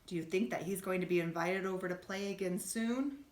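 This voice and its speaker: A schoolteacher with a slightly low voice reads a children's bedtime storybook aloud, a little fast and very expressive. She turns to her young listeners with asides, gently asking them questions as a teacher would, and the room sounds roomy and echoey.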